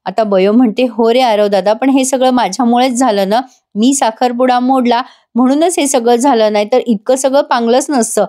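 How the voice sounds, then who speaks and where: Pitched on the higher side, this woman's voice moves at a moderate pace as she chats through a serial episode recap. Speaking with a Marathi accent, she acts out all the characters on her own, lending their lines mild emotion. Her manner is lively, broken up by casual comments addressed to viewers.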